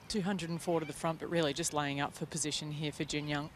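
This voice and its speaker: A man's voice: fairly high pitch, little pitch movement, quick pace. A man giving shot-by-shot golf commentary from out on the course. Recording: loud outdoor background noise.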